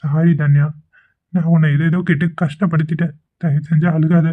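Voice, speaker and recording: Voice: medium pitch, little pitch movement, normal speed, lightly acted. Someone voicing a caring male friend, tinny. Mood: concerned. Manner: concerned, earnest, gently persuasive. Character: caring adult male old school friend. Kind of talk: amateur cartoon voice acting. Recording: tinny phone-like recording.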